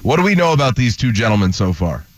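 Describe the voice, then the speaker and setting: A man's voice: mid-range voice, sing-song, fast talker, slight background noise. A man co-hosting a sports radio show, laid-back and snarky, chuckling through his lines. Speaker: radio co-host.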